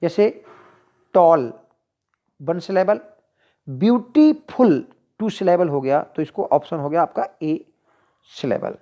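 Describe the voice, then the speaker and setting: A woman teacher with a Hindi accent, going through exam practice questions, reading each one slowly and then explaining the answer choices. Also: deep voice, mellow. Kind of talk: exam-prep lesson.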